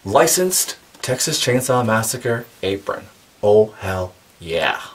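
In this casual show-and-tell vlog, a forties-aged man enthusiastically talks through his horror cosplay props, shot from afar in a cluttered room crammed with horror collectibles. He speaks slowly in a fairly low, sing-song voice, with a faint hiss or hum in the background.

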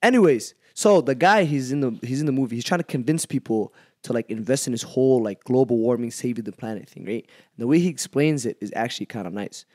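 A young man hosting a casual podcast, telling stories in an animated way and laughing often. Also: mid-range voice, quick pace, no echo, studio quality.

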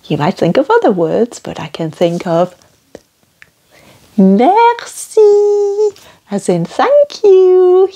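A woman's voice: darkish tone, husky. A woman with a Geordie accent teaching French sounds to children in an exaggerated, sing-song way. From northeast England. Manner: exaggerated, sing-song delivery with big pitch leaps. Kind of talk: slow, animated lesson for children.

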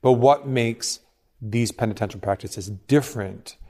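A man's voice: medium pitch, measured pace, darkish tone. A man who is a monsignor hosting a podcast, teasing his co-host dryly and explaining church practice reflectively. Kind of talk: casual conversational podcast.

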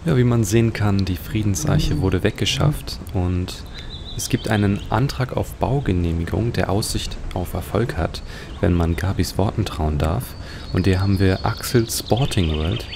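This let's play host has a low-pitched voice and talks at a normal speed, casually commenting on a video game and musing aloud about what he sees. The home recording is clearly noisy.

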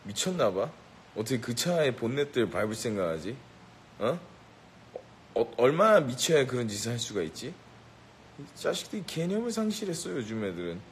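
A man's voice: medium pitch, very animated, normal speed, slight background noise, poor audio. A man bantering with a live audience in a brash, boastful, mock-bossy way, teasing and giving orders as a joke. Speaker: rapper addressing a live audience.

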